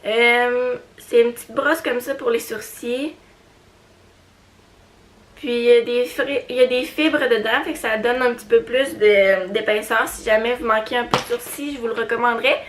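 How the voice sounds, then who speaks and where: A woman's voice: fairly high pitch, normal speed. A young woman with a Quebec French accent chatting casually in a beauty haul video, hesitant with many fillers and little giggles. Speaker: beauty vlogger.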